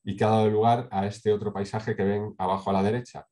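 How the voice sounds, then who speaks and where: A middle-aged man from Spain with a low, dark voice presents a project over a webcam on a video call. He talks in a measured way, pausing often with hesitations and tag questions. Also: flat delivery. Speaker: sustainability consultant presenting a project. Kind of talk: online conference talk with slides.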